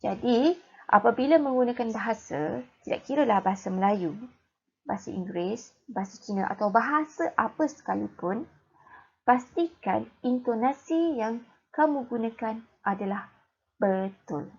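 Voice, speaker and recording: A woman teacher with a Malaysian Malay accent giving a recorded lesson, explaining clearly in a classroom manner. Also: a little high, animated, moderate pace, a little mellow, muffled recording. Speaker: primary school teacher.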